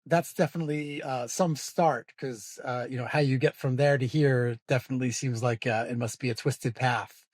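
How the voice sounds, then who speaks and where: A man, a lawyer hosting a podcast, asking questions in a polite, measured way with frequent fillers. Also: mid-range voice, fairly even intonation, dry recording. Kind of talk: interview hosting.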